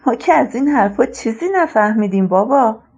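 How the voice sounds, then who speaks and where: A woman's voice: on the high side, animated, creaky, darkish tone, slightly rough, heavily acted. A woman voicing a young adult daughter who asks her father teasing, direct questions.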